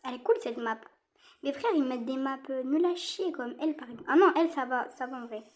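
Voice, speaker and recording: A young woman from France giving casual, excitable commentary while she plays a game online, repeating herself and using slang. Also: high-pitched, fast. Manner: slangy teen talk. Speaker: gaming streamer.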